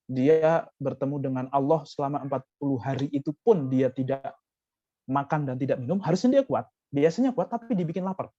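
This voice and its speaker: A man with an Indonesian accent teaching a casual religious lesson, talking conversationally and acting out lively quotes. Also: mid-range voice, fairly quick, no echo, muffled recording. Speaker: Quran commentary teacher.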